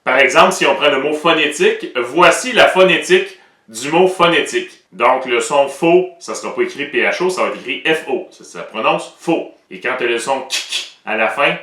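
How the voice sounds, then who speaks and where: A man's voice: mid-range voice, animated, normal speed, pushed and bright, roomy sound, far from the mic. A man with a Québécois French accent, explaining pronunciation in a playful, joking way as the presenter of an educational show.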